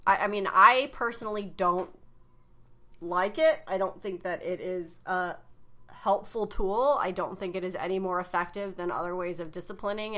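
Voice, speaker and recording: A woman's voice: fairly low pitch, fairly bright tone. A woman co-hosting a podcast at home with her husband, chatting casually with a dry, teasing manner. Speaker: podcast co-host. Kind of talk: casual chat.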